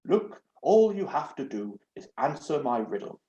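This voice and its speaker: Man doing a fussy talking door knob, high and loud, pompous and scolding, echoey room, dull sound. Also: sing-song, a little slow. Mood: indignant. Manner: pompous, scolding, self-righteous. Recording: echoey, dull home recording.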